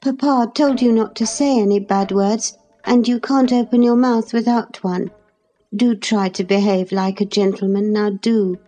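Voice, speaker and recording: A woman's voice: medium pitch, fairly even intonation, a little slow, mellow, soft background music, voice pushed up, natural voice. A woman voicing a spiteful teenage boy who talks in a prim, sneering, taunting way. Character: sickly spiteful teenage boy, pert and mocking.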